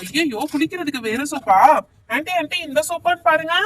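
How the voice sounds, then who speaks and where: A woman voices a cheeky, clumsy little boy in a storybook doll play, with a Tamil accent. The voice is high, quick and bright, recorded dry from some distance away. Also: expressive, dry recording. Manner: quick, cheeky, keeps saying aunty.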